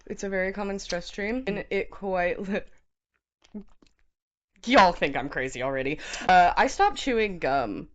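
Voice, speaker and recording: A woman chatting casually as a co-host, rambling and halting through her stories with lots of filler words. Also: fairly low pitch, lively intonation, a bit bright. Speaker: co-host of a challenge show. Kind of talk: casual chat.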